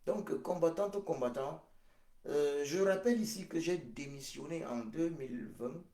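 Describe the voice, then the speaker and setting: An activist leader from Cameroon, whose first language is Ghomala' (Baham), addresses his supporters in a slow, emphatic, deliberate way, repeating phrases and hesitating often. His voice is a little high and mellow, and the room gives it a roomy echo.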